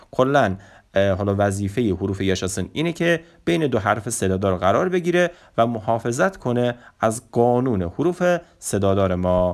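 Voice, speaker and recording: A man who speaks as his teaches a Turkish grammar lesson, often saying "look" and slowing down to pronounce the example sentences. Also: lowish voice. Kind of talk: explanatory language lesson.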